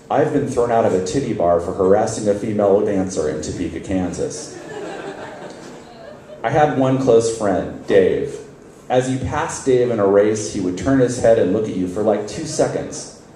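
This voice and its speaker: Recorded from a distance in a very echoey hall with faint noise, this live literary-event reader performs a first-person story on stage. His mellow voice is medium in pitch. He reads wryly and conversationally, tripping over words occasionally.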